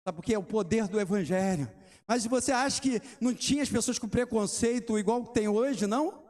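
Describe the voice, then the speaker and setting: A man's voice: high voice, fairly quick, darkish tone. A middle-aged man, preaching a sermon and asking the congregation rhetorical questions between testimony stories. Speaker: pastor.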